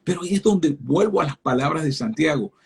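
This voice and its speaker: A man's voice: on the high side, lively intonation, fairly quick, vocal fry, breathy edge. A man giving a fervent sermon-style talk as a guest speaker on a live stream, speaking directly to his listeners and often repeating words as he starts a phrase.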